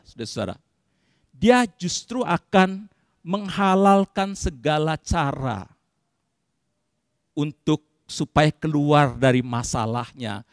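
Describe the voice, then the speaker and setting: Pastor guy preaching, high gravelly voice, goes from big loud bits to quiet asides talking right to the congregation. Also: dry recording, clean studio sound. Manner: addresses the congregation directly, swings between loud outbursts and quiet asides. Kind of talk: sermon. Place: church service.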